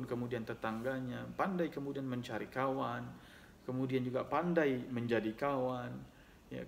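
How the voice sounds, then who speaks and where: A man's voice: medium pitch, creaky, slight background noise. A man giving a religious lesson, reciting Arabic hadith text and then explaining it at length, often adding "ya" between phrases. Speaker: Islamic teacher.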